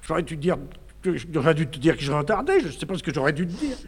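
A man's voice: fairly high pitch, very animated, fast talker, husky. A man playing a naive, doting man who fusses tenderly over a woman, in a 1950s stage comedy recording. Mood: consoling. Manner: tender, fussing and chattering. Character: doting, fussy, naive middle-aged man.

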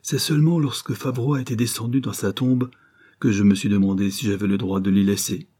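A man's voice: lowish voice, normal speed, mellow, husky. A man reading an audiobook, voicing a torn young avenger who speaks to his mother in an earnest, solemn, pleading way. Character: anguished young avenger son, torn by conscience. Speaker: audiobook reader.

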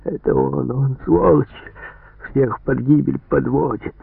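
A man voicing a beaten, shackled prisoner, hoarse and wheezing, on a tinny radio recording. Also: mid-range voice, measured pace, no room sound, voice pushed up, heavily acted. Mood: wailing.

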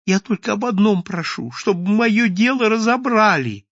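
A man's voice: sits high, animated, normal speed, a bit bright, no room sound, muffled recording, voice pushed up. A man voicing a timid invisible clerk who pleads meekly and plaintively in an audiobook. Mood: pleading.

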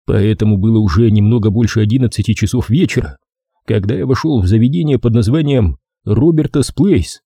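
A man reading a detective novel aloud in the first person, in a lively, ironic manner. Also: on the low side, brisk, husky, no echo, studio quality. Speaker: audiobook reader. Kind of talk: scripted narration.

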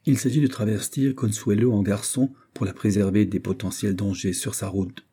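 Dark, husky male audiobook narrator. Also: lowish voice, fairly even intonation, normal speed. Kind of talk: literary audiobook reading.

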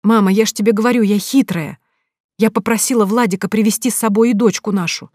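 A woman's voice: medium pitch, fairly even intonation, quick pace, a little mellow, no echo, studio quality, voice pushed up, lightly acted. A woman reading an audiobook, voicing a stubborn young village woman who pleads and argues in a raised voice. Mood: defiant.

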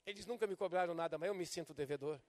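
An older man, a pastor preaching a sermon and swinging from soft to loud. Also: a little high, very fast. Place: church service. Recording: long hall reverb from a church.

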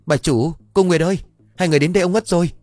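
A man's voice: animated, a little fast, darkish tone, dry recording, natural voice. A man voicing a frantic young male servant in a spoken story. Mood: panicked. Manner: frantic, high-pitched pleading.

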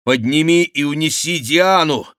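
A man's voice: on the high side, expressive, a little slow, fairly bright tone, no echo, studio quality, voice pushed up. A man reading an audiobook plays a bold young swordsman, his voice lifted, ringing and commanding. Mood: urgent.

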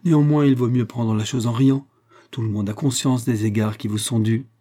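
A man voicing a smooth, obliging vicar soothing his wife in an audiobook reading. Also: medium pitch, steady tone, moderate pace, warm tone, lightly acted. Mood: placating.

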